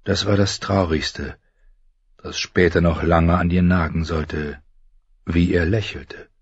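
A husky male audiobook narrator with a rather low voice who reads in a measured, grave manner. His delivery is very slow and unhurried. The recording is dry and slightly muffled. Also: steady tone, no room sound. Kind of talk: scripted narration.

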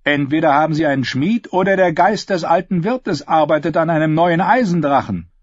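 A man's voice: fairly high pitch, moderate pace, no echo, highs cut off, pitched above the performer's own voice, lightly acted. A man reading aloud as a knight who makes wry, sardonic quips. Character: mocking, hungry knight, wry joker.

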